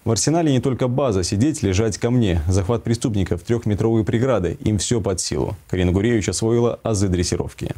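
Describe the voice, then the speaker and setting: Brisk low-voiced male news anchor. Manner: brisk, even newsreader delivery. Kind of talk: scripted news reading.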